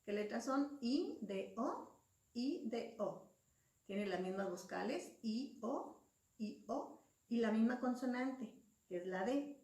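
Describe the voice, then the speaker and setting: A woman's voice: on the high side, lively intonation, takes it slowly, a little mellow. A woman teacher explaining a lesson patiently, spelling out syllables and letters one by one. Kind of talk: slow classroom explanation. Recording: echoey room, voice far from mic.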